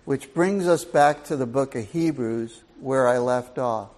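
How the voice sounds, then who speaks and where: A man's voice: medium pitch, measured pace, a little mellow. An older man giving a Bible teaching sermon in a folksy, storytelling and emphatic way.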